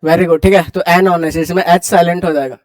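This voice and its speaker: Brisk high-voiced male classroom teacher. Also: steady tone, darkish tone, dry recording. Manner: brisk, quizzing students and urging them to hurry. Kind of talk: classroom grammar lecture.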